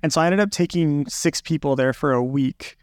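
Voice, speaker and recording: Guy thinking out loud on a podcast, lots of likes and restarts, kinda high-pitched. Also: brisk, smooth, no room sound, studio quality. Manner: reflective, loose, with frequent fillers and restarts. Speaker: guest, research consultant. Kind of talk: casual podcast conversation.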